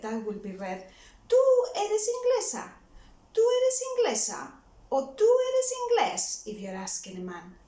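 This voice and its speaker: A woman teaching a language lesson, explaining patiently step by step. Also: fairly high pitch. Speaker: Spanish tutor. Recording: roomy echo.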